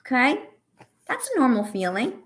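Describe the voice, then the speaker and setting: A woman teacher guides young children through a breathing exercise and reads to them with lively, encouraging storybook expression that also instructs. She speaks at a moderate pace in a high-sitting voice, with slight background noise present.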